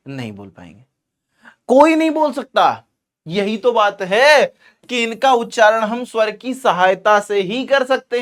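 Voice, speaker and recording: A man teaching a grammar lecture, emphatic and repetitive, often calling the students his friends. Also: high voice. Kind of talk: classroom lecture.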